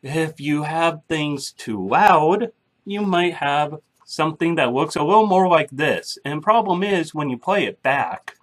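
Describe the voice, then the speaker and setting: A man's voice: a little high, measured pace. A man hosting a casual podcasting tutorial, chatty and blunt as he explains each step, speaking into a mic through a soundboard. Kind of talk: casual screen-recorded tutorial. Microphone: microphone through a soundboard.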